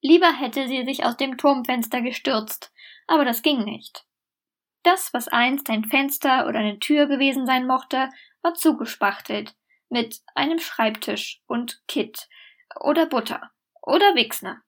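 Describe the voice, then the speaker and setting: High-voiced woman telling a satirical fairy tale. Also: measured pace. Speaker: storyteller.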